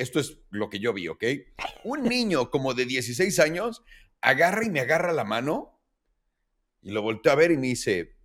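A man's voice: medium pitch, fairly bright tone. A man with a Mexican accent telling a long personal story on a casual podcast, acting out the voices of the people in it and swearing freely. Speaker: podcast host.

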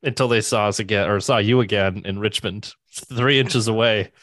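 A man with a lowish voice and a dry, close sound, co-hosting a casual podcast. He tells stories in a joking way and swears freely. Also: steady tone, moderate pace, fairly bright tone, no room sound. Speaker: podcast co-host.

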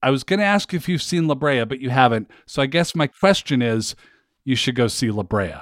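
A man's voice: medium pitch, animated, fairly quick, fairly bright tone. Male podcast host with dry humor. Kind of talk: scripted narration and casual interview.

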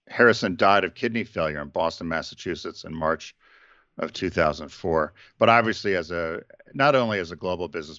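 Casting: low-voiced male co-host, chatty and rambling, dry dull recording. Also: a bit bright, dry recording. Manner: rambling, many fillers and restarts. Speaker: podcast co-host. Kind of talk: casual business chat.

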